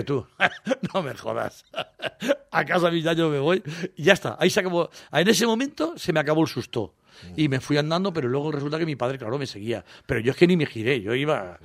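A man's voice: fairly high pitch, no room sound, studio quality. A Spanish man in his sixties from Valencia, a singer telling childhood stories in an interview, rambling and laughing as he acts out voices. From Valencia, Spain.

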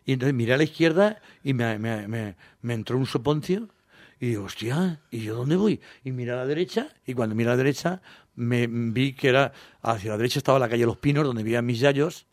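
A man's voice: medium pitch, fairly quick, no echo, clean studio sound. A Spanish man in his sixties from Valencia, a singer telling childhood stories in an interview, rambling and laughing as he acts out voices. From Valencia, Spain.

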